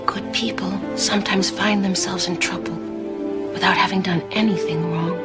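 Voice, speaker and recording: A woman playing a gentle, reassuring, patient character in a film drama, speaking soothingly. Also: medium pitch, fairly even intonation, moderate pace, close to an everyday voice. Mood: tender. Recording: film soundtrack with very loud music.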